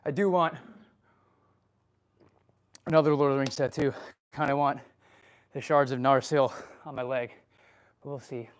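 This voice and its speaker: Between reps at home, a man answers live chat questions, panting, swearing casually and often breaking into laughter. His medium-pitched voice is smooth and steady, with a moderate pace and frequent pauses.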